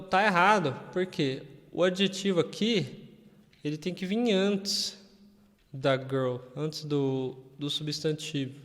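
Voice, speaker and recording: A man's voice: a little high, in a large hall. A Brazilian man teaching English in a casual video lesson, chatty and often checking that viewers follow. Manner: chatty, keeps checking in with listeners.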